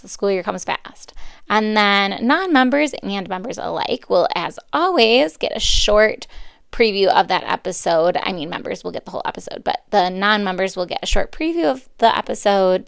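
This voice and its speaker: A woman in her thirties hosts her own podcast, chatting loosely and restarting her sentences as she goes. Her voice is smooth but has plenty of gravelly fry. The sound is dry and close. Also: mid-range voice, lively intonation, normal speed, no echo. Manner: rambling, chatty, self-correcting. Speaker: podcast host. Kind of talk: casual solo podcast talk.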